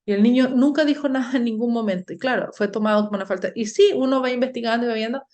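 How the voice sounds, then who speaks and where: A middle-aged woman with a slightly high voice gives a parenting lecture. She explains at an even pace and keeps checking in with her listeners through repeated tag questions. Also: quick pace. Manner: frequent tag questions "¿no es cierto?". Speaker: educator giving a parenting talk.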